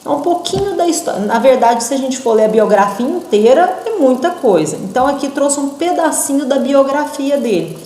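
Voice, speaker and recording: A woman teacher with a Brazilian Portuguese accent giving a recorded lesson to young children, patient and expressive. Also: sits high. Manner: slow, patient and expressive, talks to kids as their teacher. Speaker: primary school teacher. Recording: echoey room.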